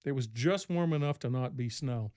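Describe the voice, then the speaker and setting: A man's voice: medium pitch, lively intonation, normal speed, darkish tone. A man, a podcast guest, telling a long story casually, rambling and acting out what people said. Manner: rambling, acts out quoted speech in a raised voice.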